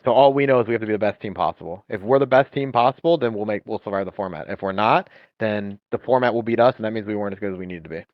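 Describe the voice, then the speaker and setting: A man talks fast and with energy, telling stories and acting out the voices of players. The recording is dry and a little muffled, with no room sound. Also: lowish voice, no echo. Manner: animated storytelling, acts out players' voices. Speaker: esports coach and guest. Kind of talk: casual podcast chat.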